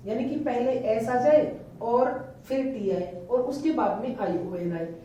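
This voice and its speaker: A woman teaching English pronunciation to beginners, spelling each word letter by letter and then repeating it slowly. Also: fairly high pitch, dark tone, slight background noise. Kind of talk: beginner phonics lesson. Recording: echoey room, voice from a distance.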